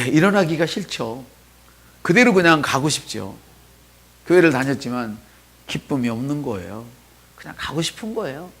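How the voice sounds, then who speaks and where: A man preaching a sermon as pastor in a church, dropping to soft asides and rising to loud calls, and leading the congregation in spoken responses. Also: medium pitch, husky.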